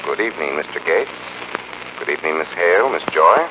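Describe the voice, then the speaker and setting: An actor playing a mysterious, menacing crime-fighting avenger in 1940s radio mystery style, theatrical and commanding in delivery. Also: male voice, rumbling low, lively intonation, brisk. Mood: taunting. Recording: muffled, noisy 1940s radio recording.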